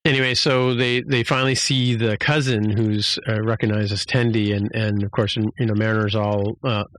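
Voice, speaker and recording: A man's voice: lowish voice, fairly even intonation, moderate pace, a bit bright, low-quality recording. A man casually recapping a TV episode, rambling with fillers and restarts and acting out the characters' lines. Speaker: podcast host.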